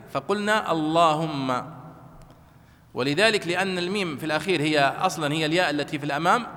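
A man's voice: fairly high pitch, bright, forceful tone. A male teacher explaining a classical text to students, checking that they follow with short questions. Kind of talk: classroom commentary on a religious text. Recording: long reverb of a hall.

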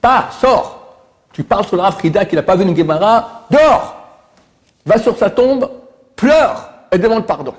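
A man's voice: high voice, rapid-fire, hardly any pauses, a little mellow, echoey room, pitched above the performer's own voice, natural voice. A man voicing a stern old male rabbi who gives orders in a sharply raised voice. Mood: scolding. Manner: commanding, exclamatory.

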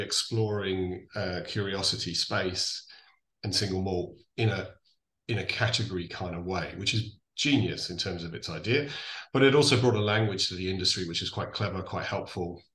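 An Irish man from Donegal explaining things in a conversational interview, thoughtful and halting, often restarting and correcting himself. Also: sits low, fairly bright tone. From Donegal, Ireland. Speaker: interview guest, distillery founder. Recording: echoey room sound.

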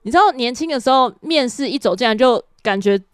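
A woman, co-hosting a podcast and telling a story in lively, chatty detail. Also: fairly high pitch, clean tone, no echo, studio quality. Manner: chatty storytelling, quick and animated. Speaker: podcast co-host. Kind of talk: casual chat.

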